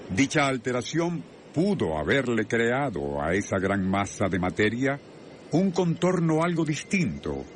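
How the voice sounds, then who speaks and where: A man with a Venezuelan accent narrating a scripted radio documentary in a formal, deliberate, dramatic style. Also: mid-range voice, slight background noise. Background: music.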